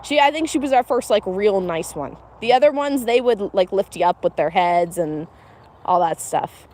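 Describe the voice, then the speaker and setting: Her medium-pitched, slightly mellow voice moves at a moderate pace with lively intonation. A Pennsylvania homesteader with a slight regional accent over a mixed American base, she gives casual live commentary, chatty, candid and quick to laugh, while doing cow chores outdoors amid faint outdoor noise.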